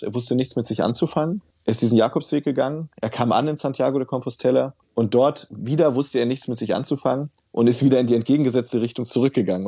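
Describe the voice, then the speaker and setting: A man's voice: mid-range voice, gravelly, warm tone, breathy edge, no echo, studio quality. A man, a work researcher and author, answering interview questions in a thoughtful, explanatory way with occasional fillers.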